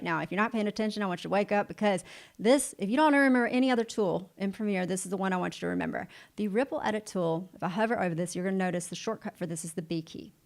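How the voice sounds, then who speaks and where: A woman giving a livestream software tutorial, upbeat and encouraging, talking straight to the viewer as she walks through each step. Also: mid-range voice, gravelly. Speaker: video editing instructor.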